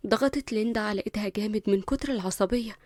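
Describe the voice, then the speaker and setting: A woman's voice: mid-range voice, very fast, a little mellow, dry recording, studio quality. A woman with an Egyptian Arabic accent narrating a story and addressing her listeners directly and affectionately.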